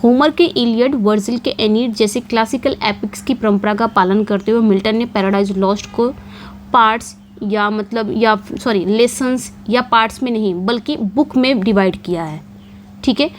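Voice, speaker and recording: A woman teaching English literature for an exam, posing questions and answering them herself. She repeats key points and reads the English quiz questions slowly. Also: a little high, slight background noise. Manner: repeats key points with frequent check-ins. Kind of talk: exam-prep lecture.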